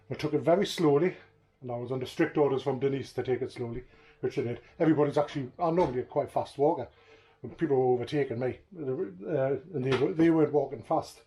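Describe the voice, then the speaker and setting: A man's voice: medium pitch, mellow. Rambling man, home diary. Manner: rambling, chatty, trailing off mid-sentence. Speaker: vlogger. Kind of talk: casual home video diary. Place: living room at home.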